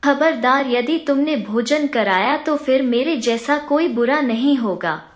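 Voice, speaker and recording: Woman reading as stingy merchant, scolding, high voice, slow delivery. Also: expressive. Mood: furious. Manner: scolding, furious. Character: miserly, hot-tempered rich merchant man.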